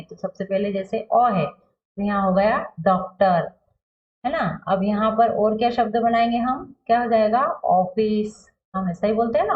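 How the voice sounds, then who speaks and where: A woman teaches a primary school grammar lesson at a patient pace. She breaks each word into its letters and asks questions that she answers herself. The recording is roomy and a bit dull, like a lo-fi room mic. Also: medium pitch.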